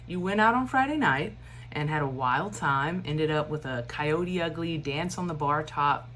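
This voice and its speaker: A woman instructor giving a recorded class lecture in a steady cadence, with animated emphasis and informal asides. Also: low-pitched, a little slow.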